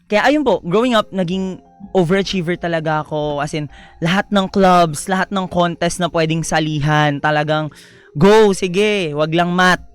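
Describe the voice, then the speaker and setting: A young man, a guest on a radio talk show, telling his life story in a soft-spoken, polite way, often slipping into English. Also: sits high, moderate pace, smooth, soft background music. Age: young adult. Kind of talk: personal storytelling interview.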